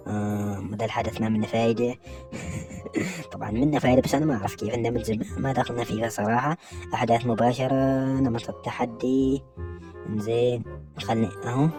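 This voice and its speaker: A man with an Omani Gulf Arabic accent giving live gameplay commentary as a gaming YouTuber, excitable, repeating words and bursting into shouted goal calls. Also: mid-range voice. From Oman.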